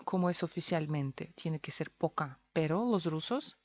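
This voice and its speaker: A woman with a Russian accent teaches a language lesson in a lowish voice. She explains step by step, slowly repeating each example word. The sound is dry and a little dull. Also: animated, darkish tone, dry recording. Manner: slow, deliberate, repeats example words.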